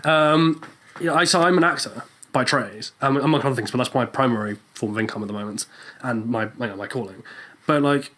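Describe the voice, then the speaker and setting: Fast-talking posh British man. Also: medium pitch. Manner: sarcastic, cynical and animated, with many fillers. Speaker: podcast co-host. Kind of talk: casual chat. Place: small room in student housing.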